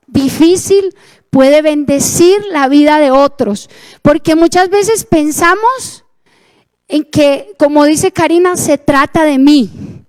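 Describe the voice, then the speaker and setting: A woman's voice: extremely high pitch, darkish tone. A Colombian woman preaching a sermon, telling a testimony earnestly and acting out the dialogue. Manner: earnest storytelling, acts out dialogue.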